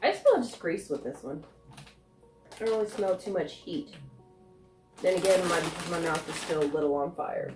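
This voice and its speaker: A woman's voice: on the low side, normal speed, pauses often, a little mellow. A woman chatting casually through a food taste test, rambling and thinking aloud as she goes. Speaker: snack reviewer. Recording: roomy echo, faint music.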